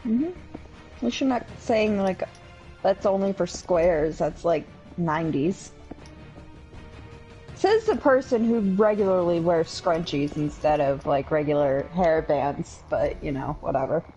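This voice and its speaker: A woman with a fairly low voice teases her co-host with quick, sarcastic remarks. Her pitch jumps around animatedly, and soft music sits faintly in the background. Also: expressive, rough recording. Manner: teasing, dry sarcastic quips. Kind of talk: casual chat. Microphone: remote from the host.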